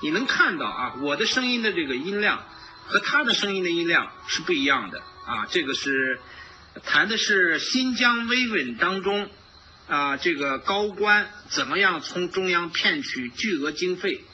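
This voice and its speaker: A man's voice: high voice, big pitch swings, normal speed, pushed and bright, dull audio, a little hiss or hum. A man giving informal political commentary as a host, emphatic and repeating his phrases.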